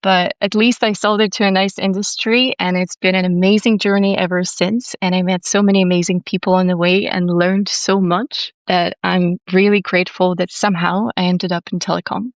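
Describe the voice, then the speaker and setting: A young woman from Latvia, a podcast guest speaking in a calm, soothing and articulate way. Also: medium pitch, moderate pace, no echo. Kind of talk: conversational interview.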